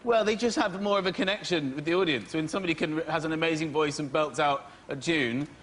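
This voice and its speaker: A man's voice: on the high side, fast. A British man in his thirties, a talent show judge, chatting on live TV in a rambling, flustered way with restarts. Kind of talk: live TV panel banter. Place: TV studio with live audience. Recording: loud audience and studio noise.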